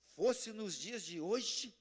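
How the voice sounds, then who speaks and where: A man's voice: sits high, lively intonation, very slow, husky. A Brazilian man, a pastor, preaching a fervent sermon in a church service and calling out questions for the congregation to answer. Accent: Brazilian Portuguese.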